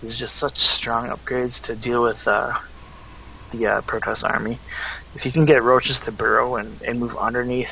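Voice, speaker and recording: A man's voice: mid-range voice, flat delivery, moderate pace, vocal fry. A man giving color commentary on a strategy game match, explaining builds and filling gaps with "like" and "uh". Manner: explanatory, leans on "like" and "uh". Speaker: esports analyst. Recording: tinny phone-like line, faint noise.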